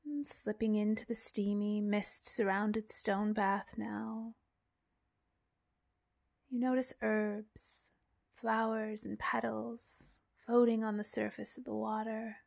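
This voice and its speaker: A woman leads a calming meditation in the style of a sleep story narrator, speaking very slowly and evenly with little pitch movement. Her soft, breathy voice frequently drops toward a whisper and a gentle creak, and long pauses separate her phrases.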